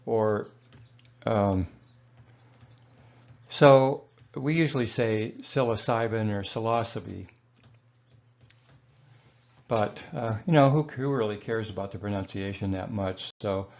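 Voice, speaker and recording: Low-voiced man lecturing over slides. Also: gravelly, dull audio. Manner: relaxed, rambling, with frequent fillers and self-corrections. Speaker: herbalist lecturer.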